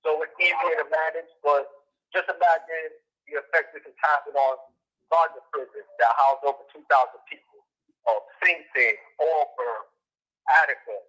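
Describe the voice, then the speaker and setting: A man calling in on a prison phone line as a guest, speaking earnestly and in a measured way. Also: a little high, sharp tone. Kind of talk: earnest explanatory talk. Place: prison telephone call. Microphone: phone handset.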